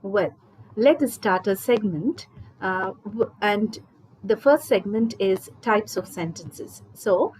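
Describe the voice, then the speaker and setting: A woman's voice: mid-range voice, expressive, darkish tone, a little hiss or hum, poor audio. A woman teacher, explaining a grammar lesson to her students patiently and step by step. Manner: slow, patient explaining, addresses students directly. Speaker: English teacher. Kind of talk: recorded school lesson.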